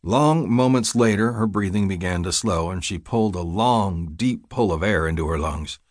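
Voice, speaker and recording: Audiobook reader, male, lowish voice, dry close mic, steady gritty first-person storytelling. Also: normal speed, no echo. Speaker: audiobook narrator. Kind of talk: scripted first-person narration.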